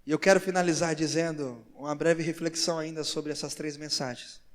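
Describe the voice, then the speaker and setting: A man with a Brazilian Portuguese accent preaching a sermon as pastor, in slow emphatic phrases that rise to loud exclamations. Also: fairly high pitch, fairly even intonation. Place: large church hall. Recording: church hall with long reverb.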